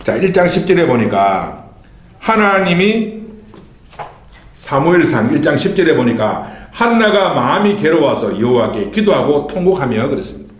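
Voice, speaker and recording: Pastor, male, fairly high voice, lively swinging delivery, rhetorical questions, reverberant sanctuary. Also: normal speed. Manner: preaching with rhetorical questions and call-and-response. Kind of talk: Sunday sermon. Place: church sanctuary. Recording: echoey church hall.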